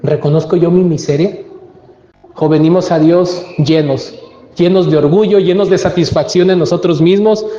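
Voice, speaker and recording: A man's voice: a little high, fairly even intonation, moderate pace, dark tone, echoey room, in a large hall, highs cut off. A man preaching a sermon as pastor, emphatic and full of rhetorical questions. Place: church.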